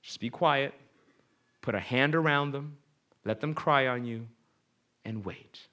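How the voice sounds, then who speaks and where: A man preaching a sermon in a conversational way. He reads scripture dramatically and acts out the people he quotes, swinging from loud to hushed. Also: mid-range voice, a little slow.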